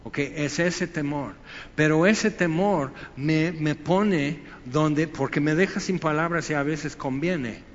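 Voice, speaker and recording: Older preacher in a reverberant hall. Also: male voice, a little high, slow. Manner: animated, swinging from loud bursts to hushed asides. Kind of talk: sermon. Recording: dull recording with long hall reverb and faint hiss.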